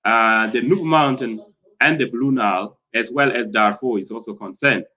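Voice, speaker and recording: A man from South Sudan speaks in spoken commentary, his voice bright and forward at an ordinary middle pitch. He talks in a halting way, filling pauses with fillers and circling back over his phrases. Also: dull audio.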